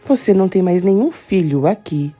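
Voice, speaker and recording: Uma mulher lendo as falas de uma jovem brava e desafiadora, com réplicas ríspidas e desdenhosas. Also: female voice, fairly low pitch, animated, normal speed, mellow, slightly rough, faint music behind. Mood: defiant. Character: fiery young Brazilian woman, defiant.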